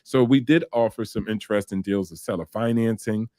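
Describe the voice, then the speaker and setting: A man, a guest on an interview, telling his stories in a casual, animated way and acting out the people he quotes. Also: on the low side, brisk, dry recording, studio quality. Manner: animated storytelling, acts out quoted voices with laughs. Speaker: interview guest, combat veteran in real estate.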